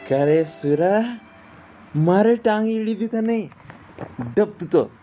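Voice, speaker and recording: A man playing a gruff rustic village father. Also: high-pitched, animated, slow pace, muffled recording, faint music behind. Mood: scolding. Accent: Malvi. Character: rustic village father, blunt and quick to scold.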